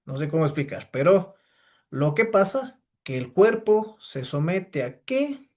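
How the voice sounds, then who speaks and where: A man's voice: high voice, big pitch swings, unhurried, a little mellow. Physics teacher quizzing his class. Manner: asks the class many rhetorical questions. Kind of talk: classroom lecture.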